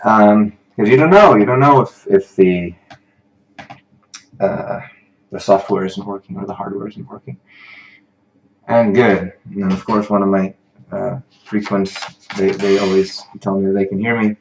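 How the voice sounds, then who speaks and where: Laid-back young male tutor, low voice. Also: steady tone, measured pace, creaky, long pauses, lo-fi sound. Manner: casual, self-deprecating, livens up when addressing viewers. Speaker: neuroanatomy teaching assistant. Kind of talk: live-streamed tutoring session.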